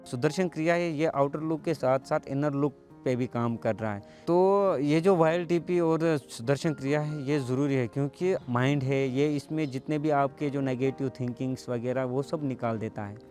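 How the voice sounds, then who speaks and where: A young man from Kashmir, telling his personal story in a conversational way, pausing with hesitant fillers. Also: medium pitch, darkish tone. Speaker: meditation teacher sharing his story. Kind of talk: personal testimonial. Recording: music playing clearly underneath.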